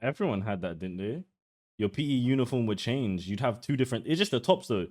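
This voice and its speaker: A young British man talks straight at his live-stream chat, brash and blunt, cursing freely. His voice sits in an ordinary middle pitch. He mocks what he watches without holding back. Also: expressive, fairly quick, a little mellow. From United Kingdom. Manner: blunt, brash, heavy swearing, mocking. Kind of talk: casual live-stream reaction commentary.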